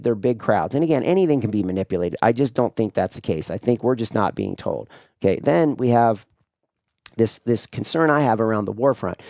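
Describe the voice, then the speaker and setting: A man's voice: mid-range voice, warm tone, no echo, clean studio sound. A man hosting a casual commentary show, rambling and often asking "right?" as he talks. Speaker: host.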